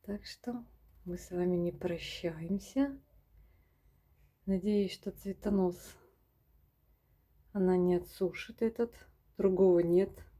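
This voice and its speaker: Woman, home plant vlogger; dark, mellow, breathy voice, soft-spoken, slips into whispers. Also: on the low side, slow pace, pauses often. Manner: soft-spoken, often drops to a whisper, addresses viewers as girls. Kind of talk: casual plant-collection vlog. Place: home among houseplants, indoors.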